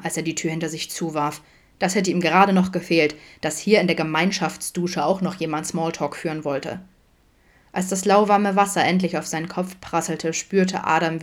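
Lower-voiced woman reading a story. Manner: steady storytelling narration. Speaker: audiobook reader. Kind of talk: reading fan fiction aloud.

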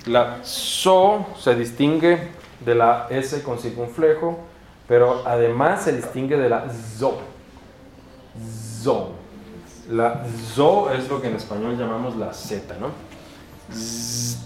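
Mexican man, patient language teacher, drawn-out delivery, echoey auditorium with faint hiss. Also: medium pitch, darkish tone. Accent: Mexican Spanish. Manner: slow, spells out sounds one by one and asks the class questions. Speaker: Esperanto teacher. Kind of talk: classroom pronunciation lesson. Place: large university auditorium. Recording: roomy auditorium echo, faint background noise.

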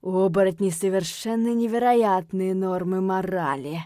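A woman's voice: mid-range voice, warm tone, no echo, studio quality, close to an everyday voice. A woman reading an audiobook voices a furious, growling young male werewolf who drags out his words. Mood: teasing low. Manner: growling, drawn-out slow delivery.

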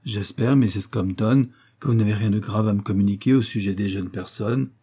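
A man's voice: on the low side, moderate pace, warm tone, husky. A man reading aloud, voicing a prim, sly old spinster who refuses to give money.

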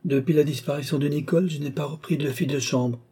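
A man voicing a pale, dutiful young noblewoman who answers quietly and politely. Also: on the high side, fairly even intonation, fast, husky, pitched above the performer's own voice. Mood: subdued.

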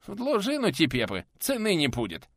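A man voicing a rough, menacing medieval warrior who slurs his folksy speech, in an audiobook. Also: a little high, huge pitch swings, moderate pace, no room sound, clean studio sound, pitched above the performer's own voice, heavily acted. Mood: grumbling.

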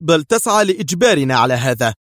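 Man doing a bitter intelligence chief, tense, raised voice, fast, dry sound. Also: on the high side, very animated, fairly bright tone, no room sound, voice pushed up. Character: bitter male intelligence director, middle-aged. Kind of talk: audiobook character voice.

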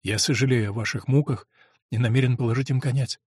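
Man playing a kind young rescuer, lower, soft, slow, husky. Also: steady tone, dry recording, clean studio sound, natural voice. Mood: soothing. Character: gentle young nobleman rescuer, calm.

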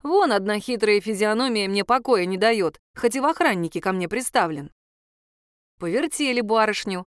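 A woman's voice: medium pitch, lively intonation, moderate pace, clean tone, no echo, clean studio sound. A woman narrating a story in the first person as an audiobook, in a wry, conversational manner.

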